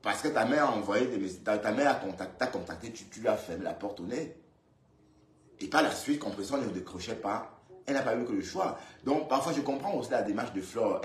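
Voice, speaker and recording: A man from Cameroon giving casual commentary on a live video, lively and scolding, often repeating himself as he talks straight to the woman he reacts to. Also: fairly low pitch. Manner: lively, scolding and repetitive, addressing her directly. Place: indoors, in Brussels. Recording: roomy echo.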